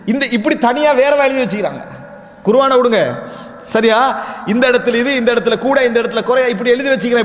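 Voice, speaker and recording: High-voiced man preaching in a reverberant hall. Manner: asks the audience rhetorical questions and answers them himself; addresses listeners as dear brothers. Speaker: Islamic preacher. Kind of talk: religious lecture.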